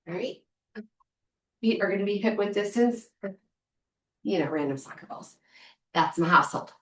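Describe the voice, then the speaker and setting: A woman's voice: medium pitch, expressive, moderate pace, a bit bright. A woman in her thirties leading a live home workout, counting reps and cheering the viewer on. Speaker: fitness instructor. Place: room at home. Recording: echoey room from far off.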